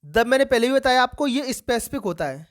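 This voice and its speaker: A woman's voice: on the high side, animated, brisk. A woman teaching an exam-prep grammar lesson to students, asking questions and answering them herself and repeating key words for emphasis.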